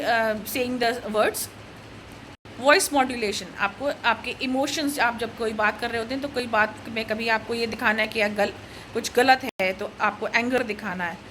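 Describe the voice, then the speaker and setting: A female lecturer with an Indian accent and a high, light voice, working through her points one by one. She moves back and forth between Hindi and English and often asks "right?" to check her listeners follow. A faint hiss of noise sits under the recording. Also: a bit bright, poor audio.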